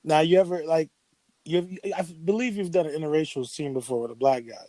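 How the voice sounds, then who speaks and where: A podcast host asking blunt, informal questions in a relaxed chat. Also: mid-range voice, brisk, dry recording. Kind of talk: casual interview chat.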